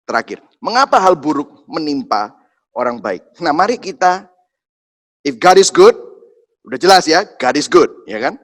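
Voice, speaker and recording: High-voiced male pastor, animated preaching. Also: moderate pace, pauses often. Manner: animated storytelling, addresses listeners as Saudara, mixes in English. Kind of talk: sermon.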